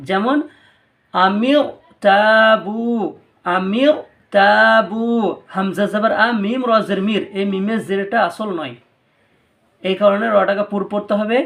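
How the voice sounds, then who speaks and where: A man's voice: high voice, steady tone, slow pace, vocal fry, pauses often, a bit bright. A man with a Bangladeshi Bengali accent teaching Quran recitation rules in a patient tutorial, repeating each rule twice. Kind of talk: step-by-step tutorial lesson.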